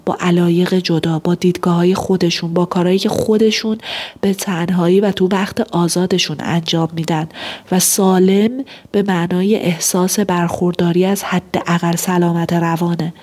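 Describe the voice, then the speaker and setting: A woman's voice: lowish voice, darkish tone, breathy edge. A woman giving relationship advice, explaining principles and telling an example story.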